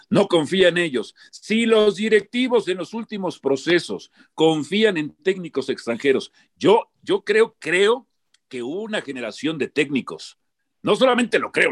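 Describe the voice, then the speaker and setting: Animated male pundit, fired-up and repetitive, voice swings a lot in pitch. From born outside Mexico. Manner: emphatic, animated, repeats himself. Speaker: football pundit. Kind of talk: heated panel debate.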